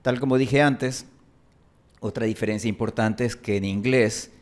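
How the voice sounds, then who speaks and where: A man teaching pronunciation, explaining sounds calmly and repeating example sounds slowly to demonstrate them. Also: medium pitch. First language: Spanish. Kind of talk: slow explanatory lesson.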